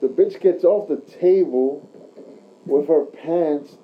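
A man's voice: a little high, slow. A man chatting casually like a frat bro, telling anecdotes in crude slang and punctuating them with bro. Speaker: tattoo artist telling stories. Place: tattoo shop. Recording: dull lo-fi recording.

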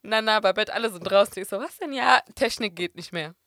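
A young woman telling a story in casual podcast chat, lively and animated, acting out what people said and dropping in English and French phrases. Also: medium pitch, a little fast, background noise.

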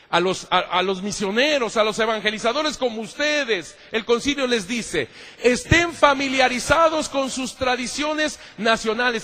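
A man's voice: sits high, sharp tone. A man, a priest telling stories in a sermon. He repeats phrases for emphasis and calls his listeners "mijos". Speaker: priest giving a talk. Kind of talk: lively sermon with anecdotes. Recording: long hall reverb.

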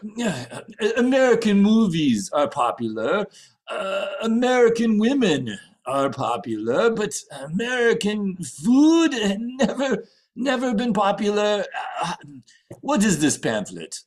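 A man's voice: high-pitched, huge pitch swings, unhurried, exaggerated voice. A man doing a pompous French baker. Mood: blustering. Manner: blustering, stammering, self-important. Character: pompous male French baker, put-on accent. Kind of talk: improvised comedy sketch.

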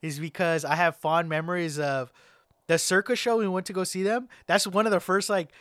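A young man chats casually on a podcast, his voice sitting a little high. He rambles in slangy bursts, padding every thought with "like" and "man". The sound is dry and close, with no room in it. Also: fairly even intonation, moderate pace, a bit bright, dry recording. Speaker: podcast host. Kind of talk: casual chat.

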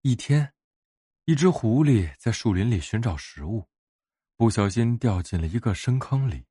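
Husky male bedtime-story narrator. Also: fairly low pitch, animated, normal speed, mellow, no echo, clean studio sound.

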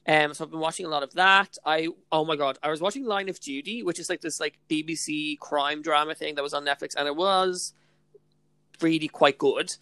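A woman's voice: sits low, a little fast, fairly bright tone, clean tone, no room sound. A young Irish woman co-hosting a podcast, chatting casually in a bubbly, gushing way peppered with filler slang. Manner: bubbly, gushing, heavy use of "like" and "literally". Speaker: podcast co-host. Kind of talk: casual chat.

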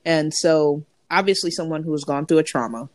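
A woman with a very low voice speaks in casual podcast chat. She is thoughtful and measured and hedges with ums, and the recording sounds dry and close. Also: a little mellow, no room sound.

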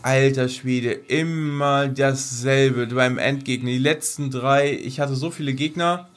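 A podcast co-host chats about science fiction in a casual, colloquial, rambling way. His medium-pitched voice is steady in tone and a little slow.

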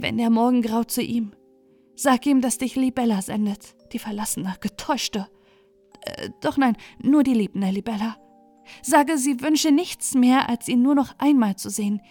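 A woman's voice: fairly high pitch, mellow, natural voice. A woman voicing a lovelorn, proud female river nymph in a fairy tale audiobook, speaking fervently and declaiming.

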